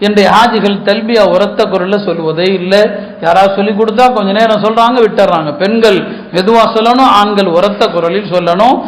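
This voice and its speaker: A man with a high-pitched voice delivers an earnest sermon, leaning on repeated words to drive his points home. The sound is roomy and echoey. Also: fairly quick. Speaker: Islamic preacher.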